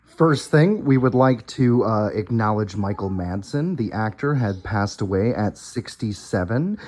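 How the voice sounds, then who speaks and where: An expressive male voice, on the low side and darkish in tone, speaks without hurrying. He hosts a casual solo podcast from a hotel room while on vacation, sharing news updates and informally addressing listeners as "guys."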